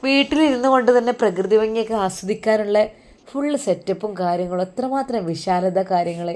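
A woman's voice: mid-range voice, a little fast, darkish tone, natural voice. A woman voicing an affectionate young husband, a religious teacher, who talks tenderly and teases, with a Malabar Malayalam accent. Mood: tender teasing. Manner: tender and teasing.

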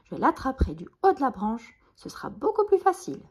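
A woman voicing a small, eager boy hamster who dreams of being a cowboy, speaking high and excited in a storybook. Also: a little fast, husky, heavily acted.

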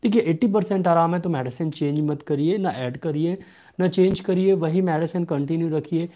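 A young man working as a homeopathic doctor fields viewer questions in a live clinic, his voice on the high side. He speaks steadily and instructively and slows down to read questions. A desk webcam records him in a small room at home.

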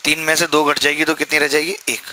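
A young man teaches a maths class in a classroom lecture, posing questions to the students and then answering them himself, with jokey, chatty asides. His voice is on the high side, level in tone, quick, pushed and bright. The recording quality is low.

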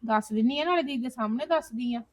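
A woman plays a younger sister in a homemade family drama. She talks high and quick. She teases her elder sister and tattles to their mother. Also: recorded from a distance. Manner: teasing, tattling chatter.

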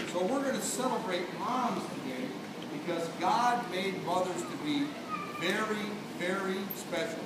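Texan pastor, male, coaxing kids through a children's sermon; distant camera in a booming, reverberant hall. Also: heavy background noise. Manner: folksy, coaxing, talking to children. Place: large barn-like church hall, indoors. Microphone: far camera. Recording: very echoey hall, taped from far off.

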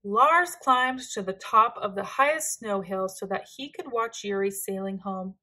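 A woman reading a children's picture book aloud, with gentle, expressive narration. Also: mid-range voice, a little slow. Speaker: storyteller.

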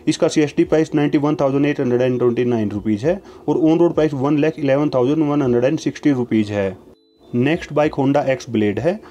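Over price slides, a male narrator reads scripted price lists briskly, giving each entry in the same set formula with steady, even, matter-of-fact delivery. His mid-range voice is warm and mellow. The audio has its highs cut off and a little hiss or hum.

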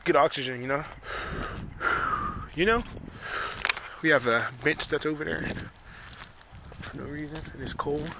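A man's voice: on the high side, steady tone, measured pace, vocal fry, long pauses, background noise. A man with a Pittsburgh accent vlogging casually on a park hike, out of breath and rambling with lots of "like" and "you know". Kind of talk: casual walking vlog.

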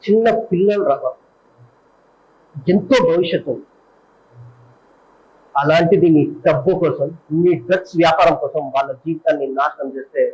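A man in his twenties acting a stern hero who warns a criminal in slow, deliberate threats, in an audition monologue. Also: on the high side, a little mellow, lightly acted, low-quality recording. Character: stern grown hero warning a drug dealer.

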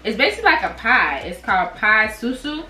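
A woman's voice: a little high, very animated, a little fast, pushed and bright. A woman casually chatting and explaining the snacks she brought home for a family tasting. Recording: echoey room with music behind.

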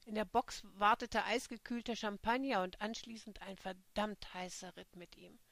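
A woman's voice: mid-range voice, fairly even intonation, moderate pace, vocal fry, a bit bright, no room sound. A woman reading the part of a bold young woman who frankly admits her kinky secrets to her friends, in her own voice. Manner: frank and unashamed.

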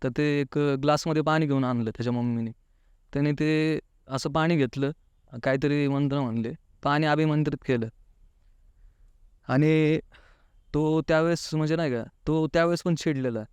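A man's voice: fairly high pitch, fairly even intonation, normal speed, darkish tone, clean tone, dry recording. A man recounting a personal experience as an interview guest, chatty, acting out what people said and dropping in a constant filler phrase. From Pune, India. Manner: talkative, keeps adding the filler "नाही का"; often acts out quoted dialogue. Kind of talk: casual interview storytelling.

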